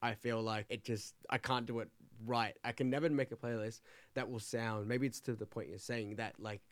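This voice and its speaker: A man's voice: medium pitch, steady tone, moderate pace, no room sound. A man hosting an interview, asking curious, rambling questions in a casual way. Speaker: interview host.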